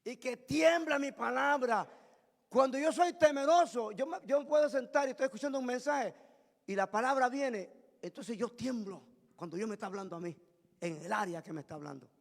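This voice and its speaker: A male pastor delivers a Pentecostal sermon in a church sanctuary. His voice is strikingly high and gravelly, and he moves between booming shouts and low, intense murmurs. The sound carries a long, lingering church-hall reverb.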